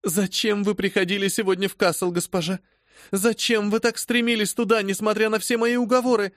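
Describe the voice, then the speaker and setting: A frantic young servant woman, sobbing and begging in breathless bursts, as a male audiobook reader puts her on. Her voice sits high and strained, far above his own. The dry, close recording has no room sound. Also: flat delivery, fairly quick, no echo, natural voice. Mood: pleading. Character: frantic young female servant, tearful and pleading. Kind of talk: audiobook reading.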